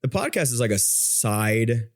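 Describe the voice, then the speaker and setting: This man is a guest on a podcast, an online content creator who tells loose, informal stories and keeps interrupting himself in casual chat. His medium-pitched voice is very animated, yet he takes his time.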